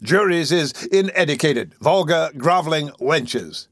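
A man's voice: fairly high pitch, brisk, no room sound, studio quality, natural voice. A man voicing a pompous, self-important parish beadle in an audiobook reading. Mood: indignant. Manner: pompous and blustering.

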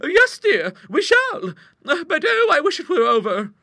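A man's voice: very high-pitched, huge pitch swings, measured pace, gravelly, pushed and bright, no room sound, clean studio sound, pitched above the performer's own voice, full character voice. A man voicing a timid, fluttery elderly spinster woman in a storybook reading. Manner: fluttery, nervous, agreeable.

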